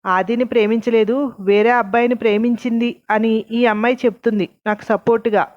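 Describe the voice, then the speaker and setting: A woman's voice: on the high side, little pitch movement, fairly quick, close to an everyday voice. A woman voicing a young woman who reproaches her boyfriend with doubt in a read-aloud story. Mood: worried. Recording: dull lo-fi recording.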